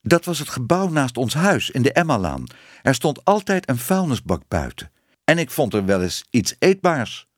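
A man's voice: mid-range voice, sing-song, moderate pace, no echo, studio quality. A man voicing a shy, hesitant young woman who used to be a cat. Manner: timid, hesitant.

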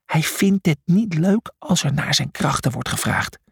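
Man playing a worried young donkey, raised pitch, gravelly, scolding. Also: lively intonation, a little slow, no room sound, clean studio sound, exaggerated voice. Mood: fretful. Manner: hissing, scolding. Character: anxious young male donkey, bossy worrier.

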